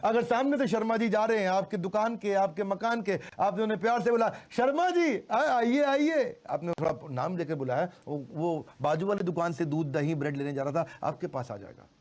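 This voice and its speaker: A middle-aged man giving a motivational sales lecture, animated, slowly repeating key phrases for emphasis. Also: sits high. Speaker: sales trainer.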